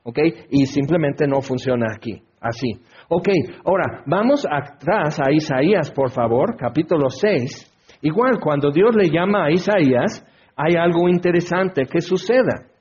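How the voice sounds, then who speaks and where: High-voiced husky male preacher. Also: expressive, measured pace, darkish tone. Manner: expository preaching, reads scripture aloud, rhetorical questions. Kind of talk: sermon. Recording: dull lo-fi recording.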